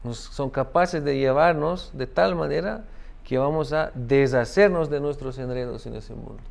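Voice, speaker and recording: Man, spiritual teacher, gravelly voice, keeps asking "¿no?". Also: medium pitch, moderate pace, a little mellow. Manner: tag question "¿no?" after many phrases. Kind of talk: devotional talk with a parable.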